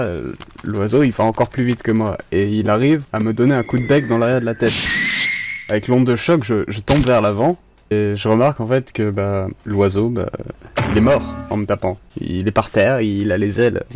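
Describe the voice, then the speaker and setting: A man's voice: lowish voice, a little mellow, a little hiss or hum. A man telling a personal anecdote in a plain, slightly hesitant way. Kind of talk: casual storytelling.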